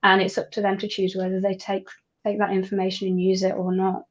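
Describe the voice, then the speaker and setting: A woman's voice: mid-range voice, monotone, brisk, muffled recording. A woman, a pilot and nutrition coach, talking enthusiastically as an interview guest with frequent restarts. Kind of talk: conversational interview.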